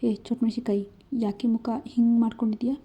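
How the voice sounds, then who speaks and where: A woman's voice: on the high side, little pitch movement, brisk, dark tone, husky. A woman voicing a playful, affectionate young husband who teases his wife. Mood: teasing. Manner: teasing, playful.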